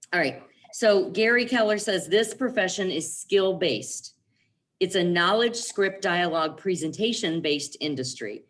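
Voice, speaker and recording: Middle-aged female sales trainer, low register, punchy and upbeat, drills slogans to her team. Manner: emphatic, upbeat coaching with repeated catchphrases. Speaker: real estate team leader and trainer.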